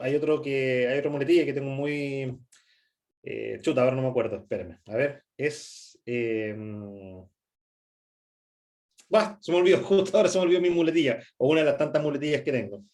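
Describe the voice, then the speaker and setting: Chilean guy running a workshop, voice a bit on the high side, lots of eh and sí?. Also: darkish tone. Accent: Chilean Spanish. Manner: frequent "¿sí?" checks and "eh" fillers. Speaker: workshop instructor. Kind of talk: presentation skills workshop talk.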